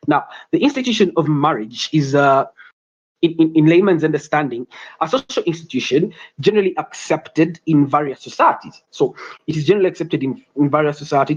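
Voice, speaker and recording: Halting teenage boy giving a debate speech. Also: fairly high pitch, husky, dull audio. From Uganda. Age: teens. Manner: halting, with repeated words and self-corrections. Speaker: student debater.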